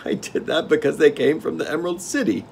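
A man voicing a petulant, vain male gnome king who is quick to anger and gleeful about his tricks. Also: on the high side, expressive, vocal fry, darkish tone, slight background noise, pitched above the performer's own voice. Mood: smug, gleeful.

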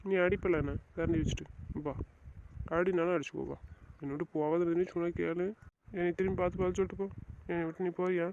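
A man's voice: sits high, flat delivery, fast talker, pauses often, darkish tone, slight background noise. An actor playing a remorseful young husband who begs his wife not to leave, in a melodramatic drama with slightly dull sound. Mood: pleading. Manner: begging, soothing, insistent. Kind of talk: melodramatic family drama acting.

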